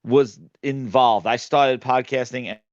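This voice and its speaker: A heated man talks gaming into his headset, emphatic and ranting. The line is a muffled, dry online call, and his voice keeps cutting out on a bad connection. His pitch sits in a middle range. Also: fairly even intonation, a little slow, dry recording. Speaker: gaming podcaster.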